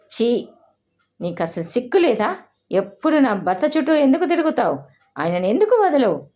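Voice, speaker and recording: A woman's voice: medium pitch, very animated, measured pace, warm tone. Woman doing a sneering, jealous second wife. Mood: contemptuous. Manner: mocking, taunting.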